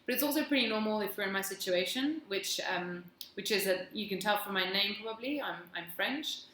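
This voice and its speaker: A woman's voice: mid-range voice, expressive, fairly quick, a bit bright. A woman with a plummy English accent chats casually as a video blogger, rambling in a wry, self-deprecating way. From England. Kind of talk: casual chat to camera. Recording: echoey room, faint background noise.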